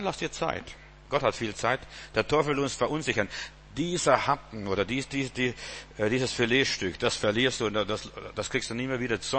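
A man's voice: medium pitch, a bit bright, a little hiss or hum. A man preaching a sermon in a rambling way, repeating words and chuckling now and then.

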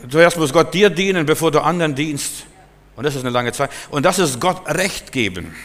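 A man's voice: on the high side, expressive, moderate pace, a bit bright. A man preaching a sermon emphatically, acting out Bible scenes in different voices. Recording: long hall reverb.

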